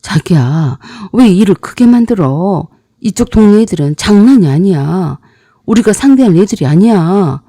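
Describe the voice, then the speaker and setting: A woman's voice: mid-range voice, lively intonation, warm tone, dry recording, clean studio sound. A woman voicing a timid, pleading husband in a story narration. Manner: slow, pleading.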